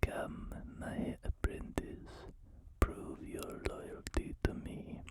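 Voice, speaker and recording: Emperor Palpatine, whispered by a gamer doing a sinister old emperor. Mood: menacing. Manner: slow menacing whisper drifting into a vague foreign accent. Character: sinister old male galactic emperor, scheming. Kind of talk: ASMR whispered impression.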